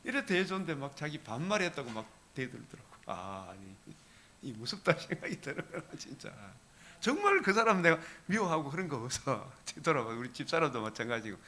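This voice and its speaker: A man's voice: a little high, very animated, a little fast, bright, forceful tone, slight background noise. An older man with a Gyeongsang accent preaching an early-morning sermon, asking the congregation rhetorical questions. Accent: Gyeongsang Korean. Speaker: pastor.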